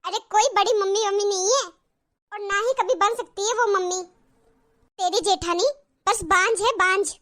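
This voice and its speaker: Harsh, shrill cartoon mother-in-law. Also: moderate pace. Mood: scolding. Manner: scolding, sharp taunts. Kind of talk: cartoon voice acting.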